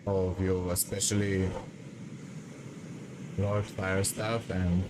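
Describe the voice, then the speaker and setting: A man's voice: sits low, level tone, takes it slowly, background noise. A man from Bulgaria, live streaming a game and chatting in a hesitant, rambling way as he reads the chat aloud. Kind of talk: casual live-stream chat while gaming.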